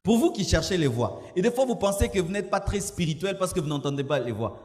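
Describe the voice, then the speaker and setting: A male pastor preaching a sermon, moving between calm teaching and loud, laughing mimicry. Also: sits high, fast. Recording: long hall reverb.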